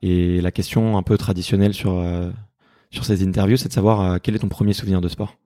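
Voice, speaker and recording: A man's voice: deep voice, fairly even intonation, a little fast, mellow. A man hosting a podcast interview in a guest's living room, who asks circling, hesitant questions. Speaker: podcast host.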